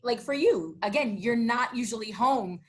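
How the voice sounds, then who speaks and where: A woman's voice: fairly high pitch, animated, moderate pace. Chatty woman radio host. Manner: chatty, enthusiastic, many fillers. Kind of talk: casual interview chat.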